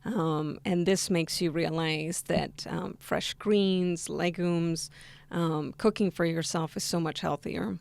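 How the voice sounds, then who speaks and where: Seated across the studio table from the host, a young podcast guest from Argentina speaks slowly with a steady, fairly low, slightly mellow voice and vocal fry. She replies hesitantly in this conversational interview, often restarting and saying um. The recording is dry.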